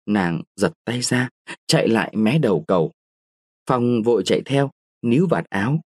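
A man narrating a literary short story in a measured storytelling manner. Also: animated, breathy edge, dry recording, studio quality. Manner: measured, lower-pitched storytelling.

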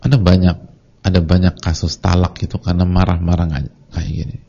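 A man preaching a lively sermon to a congregation, who sometimes acts out the voices of its members. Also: sits low, brisk, vocal fry. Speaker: Islamic preacher. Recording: dull lo-fi audio recording.

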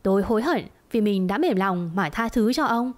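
A woman voicing a wronged older wife, weary but firm, speaking in a cold, steady way in a storybook tale. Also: mid-range voice, normal speed, close to an everyday voice.

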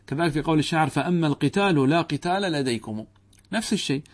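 A man with a fairly high, racing voice teaches Arabic grammar, speaking directly to his students, putting questions to the class and answering them himself. He recites quoted text and checks that they understand.

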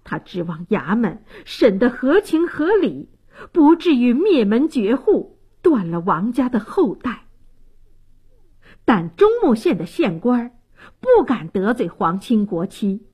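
A woman narrating a classic tale in an expressive storyteller's style for a radio broadcast. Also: a little high, slightly rough. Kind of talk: slow, lively storytelling narration.

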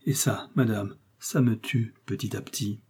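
A sick, sorrowful mother shut away in her room, as a male reader puts her on, confessing her grief in a low, mellow, slightly husky voice. She sounds fearful and worn down, in an audiobook story. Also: normal speed. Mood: anguished. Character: bedridden sorrowful old mother, frightened.

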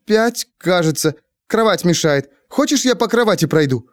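A man's voice: high voice, lively intonation, no room sound, clean studio sound, voice pushed up. A man voicing an anxious, rambling young woman in her twenties who frets and wails. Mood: eager. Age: 20s. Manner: frantic, fast, wailing.

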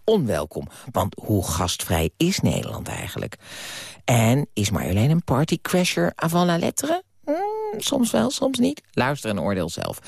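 A male radio presenter with a husky voice introduces the next item in a playful way. His pitch is animated, and the sound is dry and close. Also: dry recording. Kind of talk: radio announcing.

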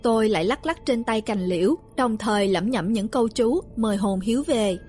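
A woman narrating a first-person ghost story in a steady, hushed storytelling manner. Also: on the high side, normal speed, slightly rough. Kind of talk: scripted horror narration.

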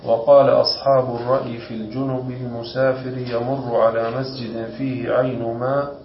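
A man, a student, reading a classic text aloud evenly and pausing for the teacher's corrections. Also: medium pitch, flat delivery. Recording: roomy, dull recording with background noise.

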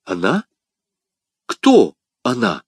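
A man's voice: lowish voice, big pitch swings, brisk, darkish tone, no room sound, studio quality. A man voicing a passionate young swordsman who cries out in urgent alarm. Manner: urgent, crying out. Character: passionate young male swordsman, frantic and desperate.

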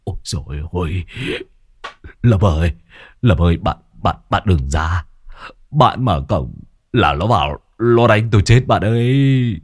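A man's voice: sits low, expressive, a little slow, husky, full character voice. A man voicing a cowardly young addict who stammers and whimpers as he pleads. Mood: pleading.

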